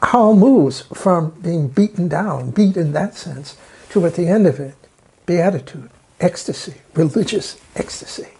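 A man in a documentary interview, talking about literature with animated storytelling and emphatic repeated words. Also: sits high, a little slow, gravelly, breathy edge.

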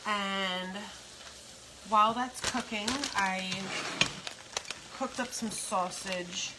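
A middle-aged American woman cooks on a casual livestream, chatting in a medium-pitched, fairly even voice and wandering into relaxed asides as she keeps busy. Recorded on a nearby propped phone, the noisy kitchen is full of frying sizzle and stirring.

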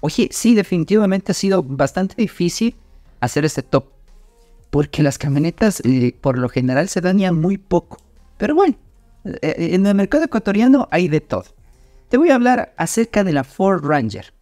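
A man's voice: sits high, very animated, moderate pace, dark tone, no echo, faint music behind. A man, co-hosting a casual car chat in a friendly way. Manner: friendly, addresses partner as amigo. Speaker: co-host. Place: small studio set with brick wall. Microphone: desk microphone.

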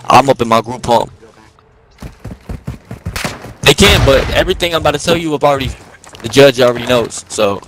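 A man's voice: mid-range voice, animated, fast, fairly bright tone, a little hiss or hum. A man in his twenties chatting casually while gaming, telling long rambling stories in heavy slang. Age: 20s. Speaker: gamer. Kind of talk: casual chat while playing. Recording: game sounds and gunfire behind the mic. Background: gunfire from the game.

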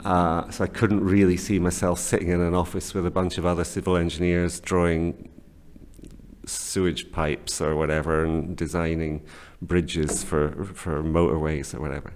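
A man in his forties, from Scotland but raised in northern England, answers questions in a casual interview as a guest who trains teachers, using many fillers and restarts. His voice sits low with a level, darkish tone at a moderate pace, recorded in a small classroom office on a studio mic on a desk stand, with a little hiss or hum.

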